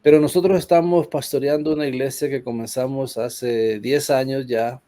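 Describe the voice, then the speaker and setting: A man's voice: medium pitch, steady tone, normal speed, dark tone. A man from Honduras, a pastor, speaking earnestly in a conversational church discussion with frequent hesitations.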